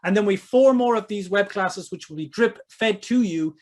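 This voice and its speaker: A man with a notably high voice hosts a live webinar as a business coach. He pitches with eager, salesy energy. He keeps tagging his sentences with quick "right?" and "okay?" check-ins.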